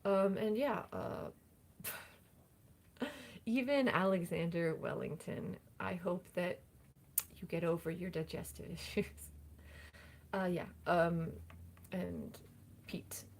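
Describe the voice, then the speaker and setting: A woman's voice: on the low side, slow pace, gravelly, pauses often, darkish tone, a little hiss or hum. A young woman chatting casually on a livestream in a rambling, self-deprecating way. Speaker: livestream host, singer-songwriter.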